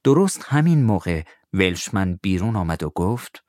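A man narrating a children's story, animated, dropping to whispers for suspense. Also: sits low, dry recording, studio quality.

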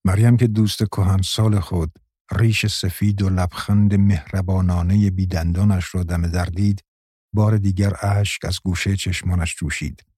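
Low, husky male audiobook narrator. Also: little pitch movement, mellow, no room sound, studio quality. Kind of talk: scripted narration of a novel.

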